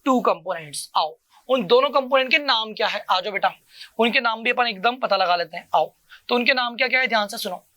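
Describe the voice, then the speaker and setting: Male coaching teacher, bright tense voice, dry close mic. Call-and-response drilling that keeps addressing the student warmly. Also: brisk, no echo. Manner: asks a question, then answers it himself in a lower voice; keeps calling the listener "beta" and repeats each term.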